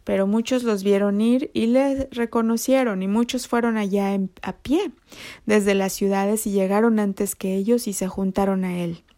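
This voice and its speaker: A woman telling Bible stories to children in a gentle way, often dropping to a whisper. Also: medium pitch, steady tone, normal speed. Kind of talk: storytelling for children.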